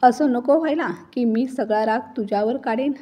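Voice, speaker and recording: Woman reading as an impatient husband, curt and bossy, husky. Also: on the high side, normal speed, mellow, natural voice. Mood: angry. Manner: curt, growling orders. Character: angry, impatient husband, male, adult.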